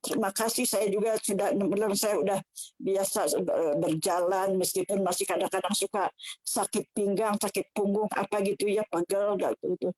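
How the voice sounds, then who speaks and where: An older woman, telling a personal church testimony in an emotional, halting way with many restarts. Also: mid-range voice, flat delivery, a little mellow, no echo, rough recording. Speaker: church member giving testimony.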